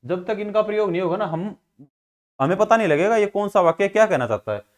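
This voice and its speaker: Speaking fast and expressively in a high voice, an Indian teacher with a Haryanvi Hindi accent runs a classroom grammar lesson, posing questions and supplying the answers himself.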